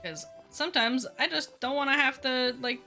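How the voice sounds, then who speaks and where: A young woman streaming a game in casual chat, her voice worn and hoarse, reading chat aloud and swearing now and then. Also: high-pitched, moderate pace, sharp tone, faint music behind.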